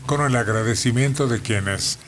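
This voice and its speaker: A man hosts a radio show, asking brief, courteous questions at an ordinary middle pitch. A faint hiss sits under his voice. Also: normal speed, a bit bright. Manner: courteous, asks short questions. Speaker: radio host. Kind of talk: radio interview. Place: radio studio.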